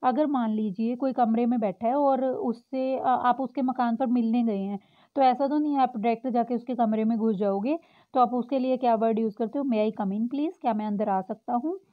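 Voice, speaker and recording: A woman teaching English to Hindi speakers, explaining patiently and reading example phrases slowly. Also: on the high side. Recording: tinny phone-like sound.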